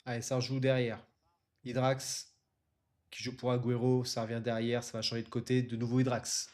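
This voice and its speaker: A man's voice: mid-range voice, completely flat delivery, normal speed, a little mellow. A man casually presenting and commentating live on an online football tournament as its streamer and host.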